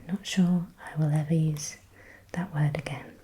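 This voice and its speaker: A woman whispering softly in ASMR style, slowly repeating words and thinking aloud as she guesses. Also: low-pitched, level tone, a little hiss or hum, rough recording. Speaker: ASMR creator.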